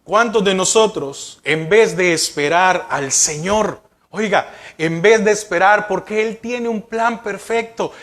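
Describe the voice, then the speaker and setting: A man's voice: high-pitched, unhurried, fairly bright tone. A male pastor preaching a sermon, asking the congregation rhetorical questions.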